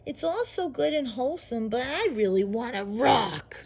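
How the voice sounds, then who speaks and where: A woman's voice: a little high, lively intonation, moderate pace, creaky, a little mellow, husky, full character voice. A woman voicing a fed-up angel who snaps and complains about her job. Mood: grumbling. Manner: snappy, complaining. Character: grumbling angel woman longing to rock.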